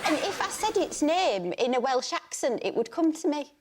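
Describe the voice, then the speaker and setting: A woman comedian telling an odd anecdote on a panel show in a deadpan, hesitant way. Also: high voice, moderate pace, crowd noise. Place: TV studio. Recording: noisy studio.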